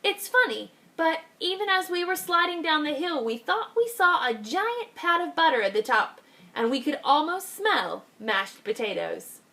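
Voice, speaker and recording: With a high voice, a kindergarten teacher gives an expressive reading of a picture book. She lingers on key phrases, slowing down to stress them.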